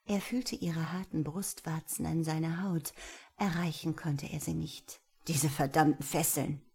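A woman narrating an erotic audiobook in a breathy, half-whispered reading. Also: deep voice, fairly even intonation, measured pace, warm tone.

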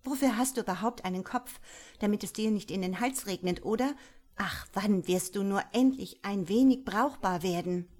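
A woman voicing a domineering, scornful female boss who scolds sharply and loudly. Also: medium pitch, expressive, unhurried, slightly rough. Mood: scolding. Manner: sharp scolding, loud commanding.

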